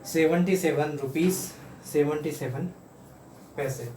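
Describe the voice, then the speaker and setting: A man teaching a home math lesson to children, patiently repeating each number slowly. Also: a little high, darkish tone, distant mic. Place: room at home. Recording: roomy, off-mic, faint hum.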